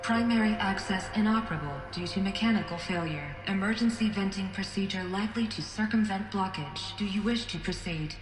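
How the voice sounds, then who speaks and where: A woman voicing a malfunctioning female computer security system with a glitching robotic voice, giving flat, clipped machine announcements in a video game. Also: mid-range voice, fairly quick, few pauses. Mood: mechanical. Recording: echoey, with game music behind.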